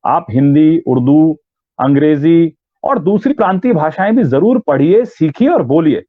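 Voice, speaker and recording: A man's voice: on the high side, lively intonation, a little slow, no room sound. A man from Uttarakhand, a voice and theatre artist, giving an interview about voice training and demonstrating sounds aloud. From Uttarakhand, India. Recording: tinny phone-like line, dry.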